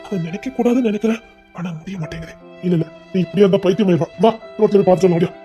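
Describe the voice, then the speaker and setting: A man's voice: high voice, very fast, dark tone, muffled recording, faint music behind, natural voice. A man in a Tamil audio drama voicing a remorseful husband and worried family man who speaks earnestly and pleads. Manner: pleading, earnest, heavy with regret.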